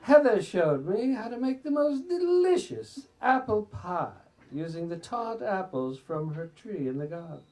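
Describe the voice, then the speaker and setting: A man with a slightly mellow voice that sits on the high side reads memoir passages at a bookstore event. Sometimes he stumbles, and sometimes he steps away from the page to add asides.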